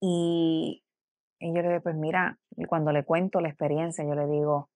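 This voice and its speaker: Low-voiced woman giving church testimony. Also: level tone, normal speed, a little mellow, no room sound. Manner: earnest storytelling, acting out her own past words. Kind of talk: personal religious testimony.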